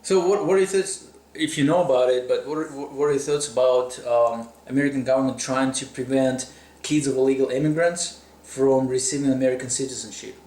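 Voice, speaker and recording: A man's voice: medium pitch, steady tone, fairly quick, hardly any pauses, a little mellow, far from the mic. A man from Russia with a Russian accent, casually interviewing a friend and often restarting his sentences. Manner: hesitant, lots of fillers and restarts. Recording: echoey room.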